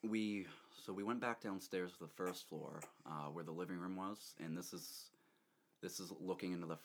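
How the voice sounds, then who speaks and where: A young man with a very low, deep voice tells a long rambling story in casual chat. He laughs often and keeps restarting his sentences as he goes. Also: steady tone, moderate pace, a little hiss or hum. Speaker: storyteller co-host.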